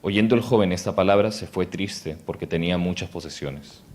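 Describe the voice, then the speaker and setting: A man reading a Bible passage aloud in a slow, measured way. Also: low voice, slight background noise. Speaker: scripture reader.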